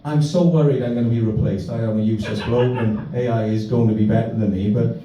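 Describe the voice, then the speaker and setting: A man's voice: medium pitch, fairly even intonation, fast talker. A man with a South Wales Valleys accent telling stand-up anecdotes in a matey, sweary, self-deprecating way. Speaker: stand-up comedian. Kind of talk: live stand-up comedy, anecdotal storytelling. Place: indoor live comedy venue. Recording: echoey venue, distant muffled mic, faint noise.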